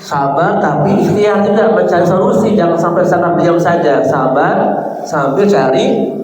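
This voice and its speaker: A man's voice: high voice, moderate pace, a little mellow. A man giving a sermon in a conversational way, putting questions to the congregation and often addressing them as sir. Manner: keeps addressing listeners as sir. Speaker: preacher. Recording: echoey hall with faint background noise.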